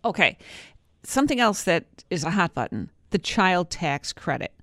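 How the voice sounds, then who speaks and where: A woman's voice: on the low side, very animated, moderate pace, a bit bright, dry recording. A woman hosting a live radio news interview, asking questions into a studio microphone.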